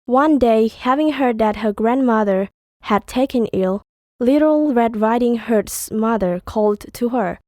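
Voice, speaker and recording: A woman reading lettered story sentences slowly and carefully for a textbook audio, in a dry, close recording. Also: fairly high pitch, dry recording. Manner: slow, careful, even reading. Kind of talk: scripted reading.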